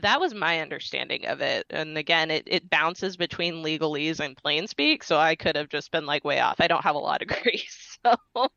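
A woman talking in a casual podcast discussion, explaining things earnestly and thinking aloud. Her voice is bright and crisp. The recording is dry, with a slightly dull, lo-fi sound. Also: low voice, animated, normal speed, dry recording. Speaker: podcast guest.

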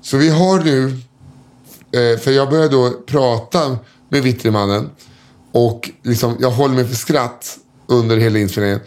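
A man's voice: mid-range voice, darkish tone. Man, podcast host telling stories, rambling and full of fillers. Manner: rambling, lots of hesitation fillers and restarts. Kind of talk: casual storytelling chat.

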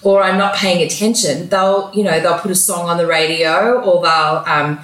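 A woman guest speaks with earnest, heartfelt conviction about her spiritual work. Her voice sits a little low. The recording has a roomy echo around it. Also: fairly even intonation, normal speed, a bit bright. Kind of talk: interview conversation.

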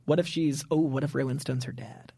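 A man's voice: mid-range voice, fairly even intonation, brisk, vocal fry, dark tone, slightly rough. A man co-hosting a comics podcast, chatting casually with playful jokes and self-deprecating asides. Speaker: podcast co-host. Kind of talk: casual chat.

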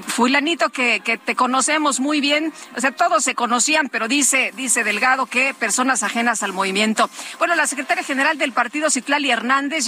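A woman co-hosting a morning news broadcast from an open-air terrace, chatty and lively, with many fillers. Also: high-pitched. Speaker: news co-host reporter.

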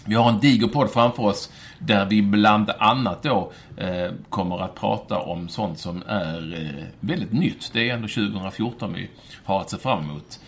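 Playful low-voiced male podcast host. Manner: playful, mock-grand phrasing. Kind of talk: casual podcast chat. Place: home in Stockholm.

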